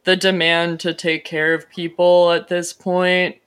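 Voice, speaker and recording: An animated podcast speaker in a relaxed political chat. They talk playfully and race ahead in quick bursts. The pitch sits in a middle range. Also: clear, resonant tone.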